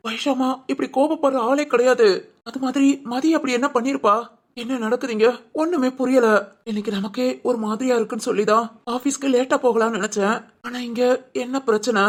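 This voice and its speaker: A voice actor playing a confused, anxious young husband in a cartoon, thinking out loud to himself. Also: mid-range voice, natural voice. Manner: anxious inner monologue, talking to himself. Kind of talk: cartoon voice acting.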